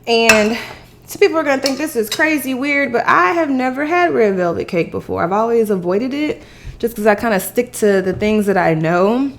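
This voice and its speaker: A woman's voice: fairly high pitch, lively intonation, moderate pace, slight background noise. A woman chatting casually to the camera in a rambling way as she hosts an eating show, eating crunchy fried chicken as she talks. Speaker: mukbang host.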